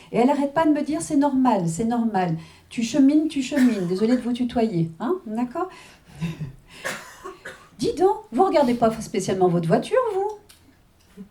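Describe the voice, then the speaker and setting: Here a medium with a high, mellow voice chats with the audience during a live reading. She laughs often and constantly checks in, saying "hein" and "d'accord."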